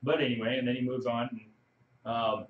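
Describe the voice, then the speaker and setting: A man's voice: mid-range voice, little pitch movement, fairly quick. A man co-hosting a podcast in casual chat, rambling and laughing often as he acts out quotes from a film. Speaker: podcast co-host. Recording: roomy, distant, dull lo-fi sound.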